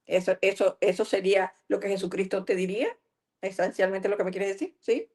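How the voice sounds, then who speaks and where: A woman's voice: mid-range voice, fairly even intonation, a little fast. A woman from Venezuela, hosting a podcast interview, affirming her guest and asking pointed follow-up questions. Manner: warm, affirming, asks pointed follow-ups. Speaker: podcast host.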